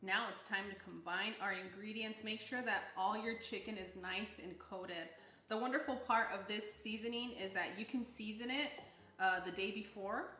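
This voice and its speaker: A woman's voice: mid-range voice, bright, forceful tone, roomy sound. A woman hosting a home cooking video, explaining each step in an upbeat, chatty way and laughing often. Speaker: cooking channel host. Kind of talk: casual cooking demonstration. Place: home kitchen.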